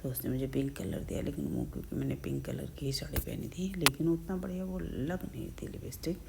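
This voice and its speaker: A woman's voice: rumbling low, expressive, brisk, gravelly, heavy background noise. A middle-aged woman vlogging in a casual, chatty way, narrating each step as it happens. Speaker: family vlogger.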